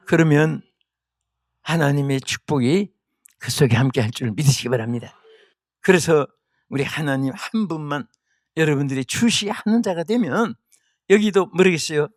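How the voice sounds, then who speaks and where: Older man, pastor preaching a sermon, high voice, wide swings in pitch, emphatic, dry close sound. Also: no echo. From South Korea.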